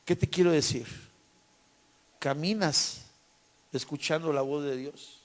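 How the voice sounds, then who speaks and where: Animated Mexican man telling a faith story. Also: a little high, slow pace. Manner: animated storyteller who acts out dialogue and keeps checking with "¿sí?"; repeats and restarts words. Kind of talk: personal faith testimony.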